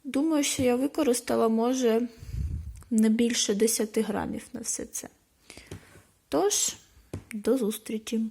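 Higher-voiced woman vlogging her knitting. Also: fairly even intonation, measured pace, vocal fry, pauses often. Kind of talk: casual vlog chat.

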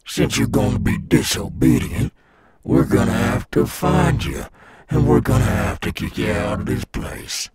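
Man voicing Montgomery Gator, deep gravelly alligator rockstar. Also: big pitch swings, a loud crowd, full character voice. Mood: resigned, menacing. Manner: slow, coaxing, addressing a child listener. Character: cool, swaggering male animatronic alligator rockstar guarding his golf course. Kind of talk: ASMR audio roleplay.

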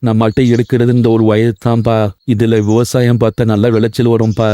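A man voicing an ailing elderly farmer father in a cartoon, soft-spoken and pleading. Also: mid-range voice, completely flat delivery, brisk, clean tone, voice pushed down, lightly acted. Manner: pleading and resigned.

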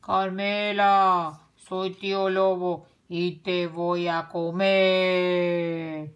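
A menacing male wolf from a children's storybook, put on by a woman reading aloud. He drags every word out slowly and booms the words, a touch deeper than her own voice. His threats sound patient and greedy. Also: little pitch movement, smooth, dull audio. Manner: slow, drawn-out and loud.

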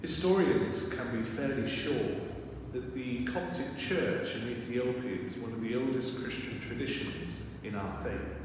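A man's voice: medium pitch, unhurried, few pauses, distant mic. Older guy priest preaching in a church, big cathedral echo, noisy recording. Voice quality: echoing, cathedral-like reverberant sound. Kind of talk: scripture reading and homily. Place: church sanctuary at a lectern. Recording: echoey church hall, long reverb, noisy.

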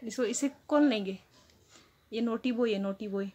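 A woman's voice: fairly high pitch, moderate pace, a little mellow, breathy edge. A woman talking casually at home in a vlog, playful and teasing with her child. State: sweaty after play-fighting. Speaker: vlogger and mother. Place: home room with a fan and TV.

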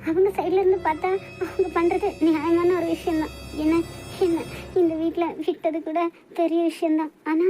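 A lonely young bride with a Kanyakumari Tamil accent, voiced by a woman pleads with her husband in a homemade cartoon. The voice sits high and mellow, soft and a little tearful. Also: a little hiss or hum. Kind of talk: hobby cartoon voice acting.

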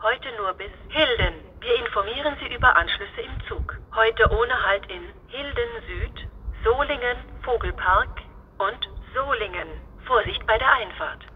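A tinny, phone-like recording with clear noise carries a woman's flat platform announcement. She speaks slowly and formally, setting out each phrase evenly as a station announcer. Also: a little high. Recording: tinny phone-like band, hissy background noise.

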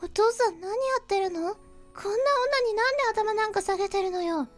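A woman voicing a spoiled, contemptuous young bride in a storybook drama, with a shrill, whiny manner. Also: expressive, normal speed, soft background music. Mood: shrill whining.

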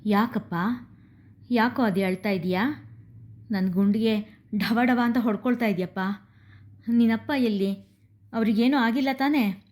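A woman's voice: on the high side, unhurried, pauses often, darkish tone, natural voice. A woman voicing an anxious middle-aged mother who fires off worried questions in a story reading. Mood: frightened.

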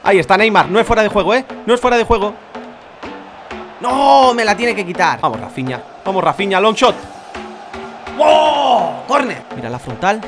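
A young man with a Spanish accent giving live football-game commentary, swinging between frustrated shouting and low muttering, swearing often. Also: lively intonation, quick pace, hardly any pauses. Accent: Spain. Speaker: gaming youtuber. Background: game music.

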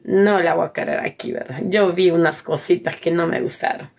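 A woman's voice: fairly low pitch, steady tone, moderate pace, vocal fry, a little mellow. A Salvadoran woman chatting casually on a phone live stream, reading viewer comments, laughing often and thanking viewers.

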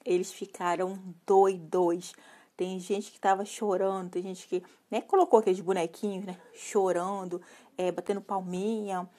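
A woman's voice: mid-range voice, little pitch movement, measured pace, dark tone. A woman hosting a celebrity gossip channel, talking casually and often adding tag questions. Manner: chatty, with frequent tag questions.

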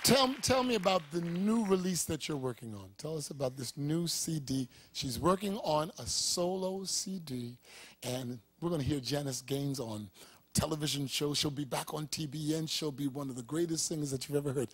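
A man hosting a television talk show as a pastor, his voice husky and set fairly high. He speaks with an emphatic preacher's cadence and turns to address the studio audience. A faint crowd is present behind him. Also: normal speed, dry recording.

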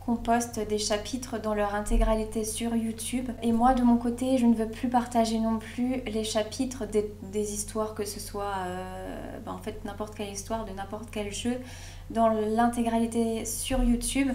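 A woman, a gaming YouTuber, chatting excitedly through a let's play with many fillers. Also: fairly high pitch, unhurried, slight background noise. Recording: echoey room with music.

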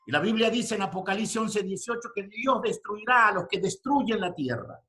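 A man in his sixties preaches a sermon to ministers, firing off rhetorical questions and swinging from quiet speech to shouting. His voice is high-pitched and his speed normal.

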